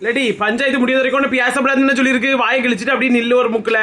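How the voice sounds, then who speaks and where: A woman playing a brash village gossip in a comedy skit, taunting loudly. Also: a little high, fairly even intonation, rapid-fire, natural voice. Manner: taunting and loud. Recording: noticeable background noise.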